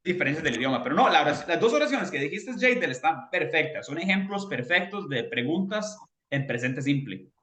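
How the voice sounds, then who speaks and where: Male teacher with a high, bright voice, patient and explanatory, recorded in an echoey room. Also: lively intonation, a little fast. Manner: patient, checks in often with students. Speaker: English teacher. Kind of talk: explaining grammar to a beginner class.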